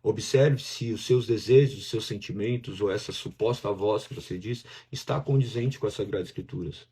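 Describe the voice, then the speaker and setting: A man's voice: fairly low pitch, moderate pace, mellow, breathy edge. A man with a Brazilian Portuguese accent preaching a sermon as pastor, in a conversational way that acts out inner voices as dialogue.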